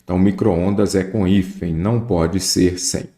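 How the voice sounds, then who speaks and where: A man's voice: sits low, fairly even intonation, normal speed, mellow. Man teaching grammar, roomy echo. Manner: explanatory, addresses student directly, repeats rules. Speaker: Portuguese teacher. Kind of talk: exam prep lesson.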